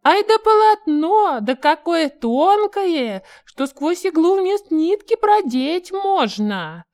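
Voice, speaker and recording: A woman narrator putting on a kindly, easily amazed old woman in a fairy tale, slow and singsong. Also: extremely high pitch, very animated, darkish tone, faint music behind, voice pushed up, heavily acted. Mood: marveling.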